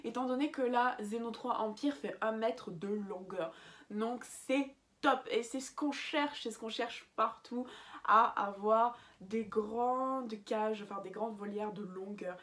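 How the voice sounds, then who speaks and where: A young woman with a fairly high voice talks through her advice in a loose, chatty way. She stumbles, restarts and fills pauses, laughing lightly at her own slips. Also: fairly bright tone. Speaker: bird-keeping vlogger. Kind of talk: casual advice vlog.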